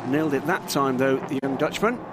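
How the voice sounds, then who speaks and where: A man's voice: mid-range voice, a little fast. A man giving live race analysis as a motorsport commentator. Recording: clear trackside engine and vehicle noise. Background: car engines and outdoor track ambience.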